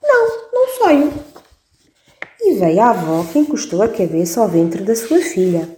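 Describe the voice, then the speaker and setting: Woman storyteller, children's story, animated, mellow, roomy echo. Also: fairly low pitch, moderate pace. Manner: lively, expressive read-aloud. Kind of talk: children's story reading on radio.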